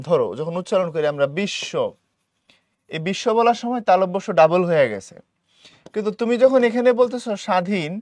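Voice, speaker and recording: A young male teacher gives an exam-prep lesson in a high, clear voice. He talks in a casual, colloquial way, going over points again and checking whether students follow. The sound is dry and close, with no room echo. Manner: colloquial, repeats key points and checks understanding.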